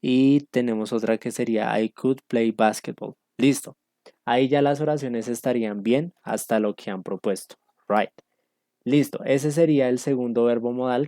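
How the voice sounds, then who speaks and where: A man's voice: mid-range voice, warm tone, no room sound, studio quality. A man teaching an English class online, explaining patiently with many fillers.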